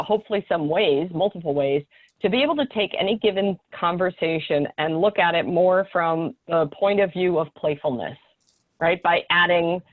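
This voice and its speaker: A woman's voice: fairly low pitch, no echo. A woman facilitating a group on a video call, inviting people to share. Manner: inviting, encouraging. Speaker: workshop facilitator. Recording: tinny dry phone-like call audio.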